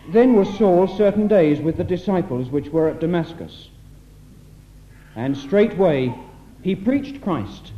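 Man, scripture reader, solemn measured delivery, lively intonation, old 1960s tape recording, muffled sound. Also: a little high, a little hiss or hum. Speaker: scripture reader at a church address. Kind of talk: reading scripture aloud.

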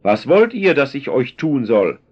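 A man voicing a calm, authoritative male teacher in a solemn, measured scripture reading. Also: medium pitch. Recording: dull lo-fi recording.

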